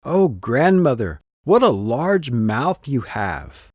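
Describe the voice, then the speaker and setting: A man voicing a sweet, nervous little girl in a classroom storybook reading, raising his voice gently. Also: medium pitch, big pitch swings, takes it slowly, breathy edge, dry recording, clean studio sound, full character voice. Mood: wondering.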